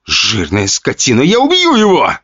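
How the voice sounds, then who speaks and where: A man voicing a spoiled young nobleman who whines, sulks and shouts back at his father. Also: mid-range voice, huge pitch swings, normal speed, highs cut off, pitched above the performer's own voice. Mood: shouting. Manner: whiny, defensive, shouting. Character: spoiled young male heir, whiny and resentful.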